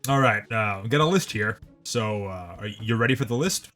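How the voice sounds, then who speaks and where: A man's voice: fairly low pitch, lively intonation, normal speed, a bit bright, faint music behind. A man playing a flirty, easygoing adventurer. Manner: playful, flirtatious banter.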